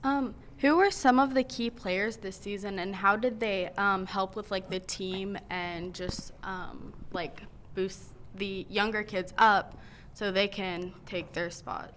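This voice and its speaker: A woman's voice: mid-range voice, steady tone, slow pace, a bit bright, a little hiss or hum. A woman asking a question as a reporter at a press conference, hesitant and searching for words. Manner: hesitant, fillers of "like".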